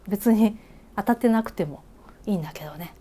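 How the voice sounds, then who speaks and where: A woman reiki teacher with a Kansai accent, giving a casual spoken lesson and asking the listener questions, with soft whispered asides. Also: mid-range voice, brisk, slightly rough.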